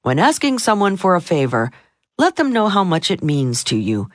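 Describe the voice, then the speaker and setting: A woman narrating a self-help audiobook in a steady, measured reading voice. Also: lowish voice, no echo, studio quality. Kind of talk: scripted narration.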